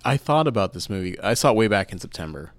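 A man's voice: lowish voice, sing-song, fast, no room sound. A man co-hosting a casual podcast, reviewing films and chatting, laughing easily. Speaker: podcast co-host, film reviewer. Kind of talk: casual film review chat.

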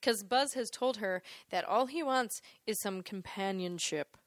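A woman co-hosting a casual movie recap chat, animated and laughing often, with some swearing. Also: medium pitch, a little slow, no room sound, studio quality. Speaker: podcast co-host.

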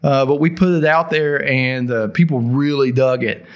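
A man's voice: mid-range voice, fairly even intonation, moderate pace. A middle-aged man with a thick Southern US accent, telling stories casually in an interview in informal, folksy language. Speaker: interview guest, heavy metal singer.

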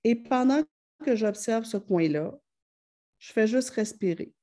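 A woman with a Quebec French accent giving calm, explanatory advice to parents, often pausing with fillers and restarting her phrases. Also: a little high.

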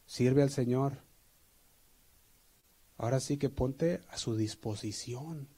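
A pastor preaching earnestly, checking in with the congregation. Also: male voice, mid-range voice, slow, warm tone, breathy edge. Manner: earnest, asks the congregation for assent. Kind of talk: sermon.

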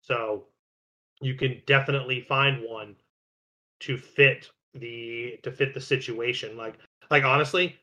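A man co-hosting a casual card game podcast, relaxed and rambling, with lots of fillers and restarts. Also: mid-range voice, measured pace. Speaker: podcast co-host.

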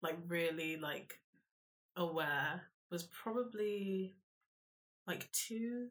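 A young woman with a South London accent, speaking casually as an interview guest in an informal, halting way, as if thinking aloud. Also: fairly low pitch. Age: young adult. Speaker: podcast guest, university student.

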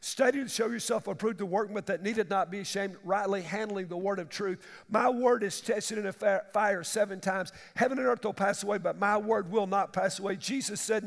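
A man preaching an impassioned evangelical sermon as pastor, dramatic in delivery, with a gravelly voice. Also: sits high. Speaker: pastor preaching to his congregation. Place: large church hall, preaching to a congregation. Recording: echoey large hall with long reverb.

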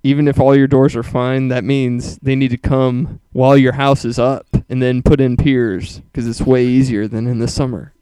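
A man's voice: mid-range voice, flat delivery, moderate pace, few pauses, dark tone, a little hiss or hum, low-quality recording. An American man talking casually as a quiz contestant. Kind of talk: casual chat.

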